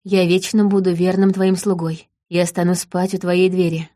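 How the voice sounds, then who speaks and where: A woman voicing a tearful young female fairy in an audiobook, speaking softly and pleading. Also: fairly low pitch, level tone, normal speed, natural voice. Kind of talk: audiobook reading.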